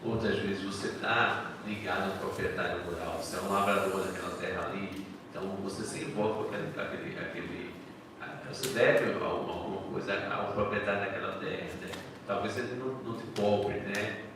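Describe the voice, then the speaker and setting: A male history professor talks through his subject in a loose, enthusiastic way, stumbling and restarting as he goes. His voice sits fairly low and is caught from a distance in a very reverberant lecture hall. Steady background noise hums underneath. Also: brisk. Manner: conversational, enthusiastic, frequent restarts. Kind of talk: informal academic talk at a panel.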